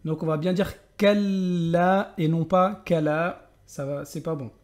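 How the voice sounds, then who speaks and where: A man teaching tajwid, explaining step by step and asking and answering his own questions, with slow recitation of verses. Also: fairly high pitch, fairly even intonation.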